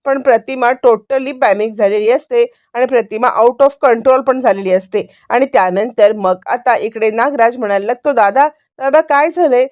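A woman's voice: on the high side, moderate pace, few pauses, no echo. Chatty woman retelling a serial. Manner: chatty, repetitive, animated retelling. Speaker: serial recap narrator. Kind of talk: casual story retelling. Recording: dry, slightly dull sound.

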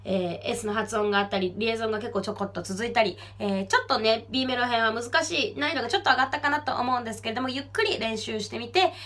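A young woman teaching a singing lesson, explaining pronunciation and demonstrating lyric lines slowly and clearly. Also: fairly high pitch, a bit bright. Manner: slow, clear demonstration of English lyrics, then brisk explanation. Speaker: vocal teacher.

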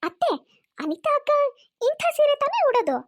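A woman's voice: extremely high pitch, big pitch swings, moderate pace, pitched above the performer's own voice. A woman voicing a haughty young sister-in-law in a cartoon, talking in sneering, mocking questions. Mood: scornful.

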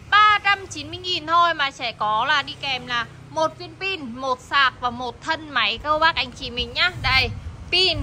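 Lady seller hard selling on a livestream, high piercing voice, pushy and repetitive, some background noise. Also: sharp tone. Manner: insistent, repetitive, urging buyers with prices and deals. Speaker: live sales host selling discount tools and gadgets. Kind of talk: hard-sell live sales pitch. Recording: noisy background hum.

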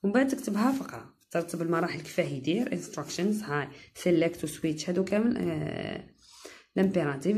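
A woman's voice: fairly low pitch, darkish tone. A woman English teacher with an Algerian Arabic accent, giving a chatty recorded lesson that explains English terms in dialect, with frequent hesitations.

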